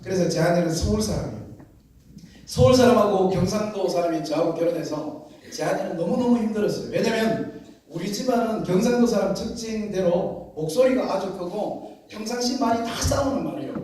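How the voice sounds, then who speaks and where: A man from the region preaching as a missionary pastor, telling a story in an animated way and acting out shouting family members. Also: high-pitched, a little fast. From Gyeongsang region, Korea. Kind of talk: storytelling sermon. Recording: echoey hall, distant mic, faint noise.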